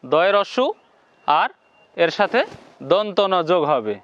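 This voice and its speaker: A man teaches Quran recitation step by step, slowly repeating syllables for viewers to copy and giving the Arabic sounds a heavy nasal tone. His voice is high-pitched and a bit bright, with big pitch swings, and the recording is muffled.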